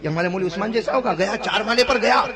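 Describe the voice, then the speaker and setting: A man preaching with a strikingly high-pitched voice, throwing question after question at his listeners. A big crowd is audible around him in a live recording of a large gathering. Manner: emphatic, questions put to the crowd. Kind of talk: sermon.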